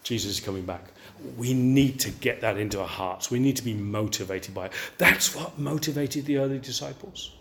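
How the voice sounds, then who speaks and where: Animated older male preacher. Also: mid-range voice, normal speed, hardly any pauses, noisy background. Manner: animated, asks the audience rhetorical questions. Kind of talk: sermon.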